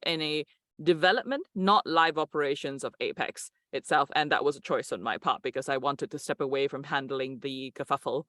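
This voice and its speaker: A man's voice: a little high, bright, forceful tone, smooth, dry recording, clean studio sound. A man, a game producer answering interview questions in an articulate, explanatory way. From Malaysia.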